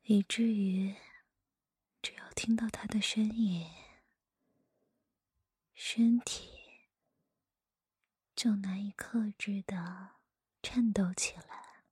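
Woman acting a teasing older sister, breathy whispered role-play right in your ear. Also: mid-range voice, fairly even intonation, darkish tone, no room sound, studio quality, heavily acted. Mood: slow, sultry. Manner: slow, intimate whispering right in the listener's ear. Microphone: close microphone, dry.

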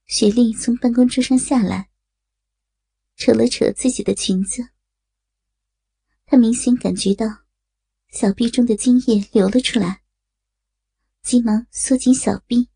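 A woman narrating an erotic audio story in a slow, breathy storytelling manner. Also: fairly high pitch, steady tone, dark tone, no room sound.

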